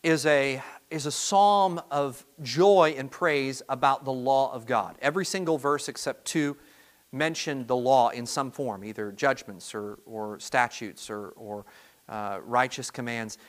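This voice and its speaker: A pastor giving a sermon to his congregation, earnest and halting, often repeating words as he restarts his sentences. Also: medium pitch.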